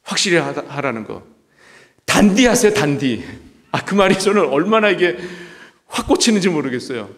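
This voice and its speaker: Man, pastor preaching, rhetorical questions, emphatic repeats, somewhat high voice, long church reverb. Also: sing-song, a little fast, fairly bright tone. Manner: asks the congregation rhetorical questions, emphatic repetition. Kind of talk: sermon. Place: church sanctuary.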